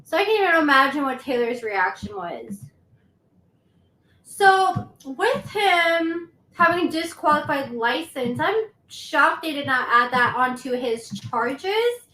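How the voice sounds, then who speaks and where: In a casual commentary video, the female host walks through events one step at a time. She has a high, bright voice with a forceful tone, captured with roomy echo.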